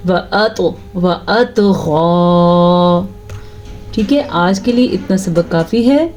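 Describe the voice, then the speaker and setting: A woman teaching tajweed, explaining each rule patiently and checking her students follow, then reciting verses slowly in a drawn-out chant. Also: medium pitch, lively intonation, warm tone. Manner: explains rules patiently, asks "ٹھیک ہے؟" after each point.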